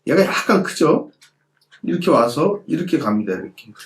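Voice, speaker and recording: A man's voice: fairly high pitch, very animated, moderate pace, echoey room. A middle-aged man teaching a calligraphy class as he demonstrates, repeating points and asking the students rhetorical questions. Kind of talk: hands-on lesson while demonstrating.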